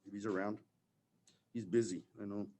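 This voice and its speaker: A man's voice: lowish voice, level tone, normal speed, mellow. A man chairing a public meeting as county judge, speaking procedurally and reading items aloud.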